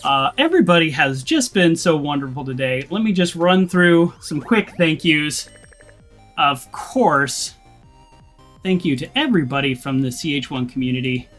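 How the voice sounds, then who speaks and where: A casual game streamer talking to a live audience in a middle-pitched voice. The delivery is loose and rambling, full of restarts and small laughs, with faint music in the background. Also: expressive, normal speed, a bit bright. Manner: chatty, with frequent restarts and laughs.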